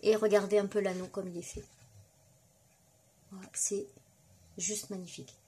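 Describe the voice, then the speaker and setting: On her crafting channel, a middle-aged woman shows the mail she got in a casual show-and-tell, peppering it with fillers and admiring comments. Her voice is medium-pitched, mellow and slightly rough, at normal speed with little pitch movement.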